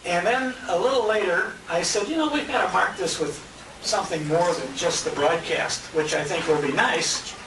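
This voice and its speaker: This American man's voice sits high and moves at a normal speed, captured at a distance on a handheld compact camera. Working as emcee for a tribute dinner, the radio show host shares informal stories that include quoted exchanges. The banquet room in the restaurant comes across echoey and noisy.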